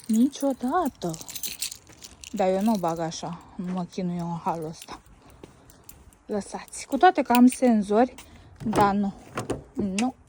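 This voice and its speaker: A woman's voice: mid-range voice, mellow. A woman vlogger, chatting and teasing casually at home and in her car. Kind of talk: casual daily vlog chat. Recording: distant mic with clear background noise.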